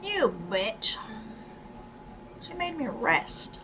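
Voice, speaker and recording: Woman, gaming host, casual muttered commentary, slow talk, steady background hiss. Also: sits high. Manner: muttering, reads card text aloud, grumbles at the game. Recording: dull lo-fi sound with steady noise.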